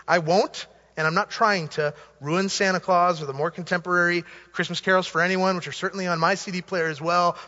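Male pastor, high bright voice, emphatic sermon delivery, long church reverb, dull sound. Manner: earnest, emphatic preaching with repeated phrases. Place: church sanctuary.

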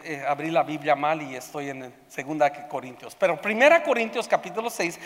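A pastor preaching a sermon, swinging from loud emphatic bursts to hushed low passages, often repeating words as he searches for the next thought. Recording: long reverb of a large hall.

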